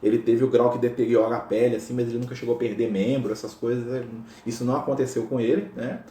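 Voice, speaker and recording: A man's voice: mid-range voice, steady tone, fast, warm tone. A Brazilian man telling a religious story in a casual, chatty way, peppering it with tag questions. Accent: Brazilian Portuguese. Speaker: spiritual speaker. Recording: roomy echo.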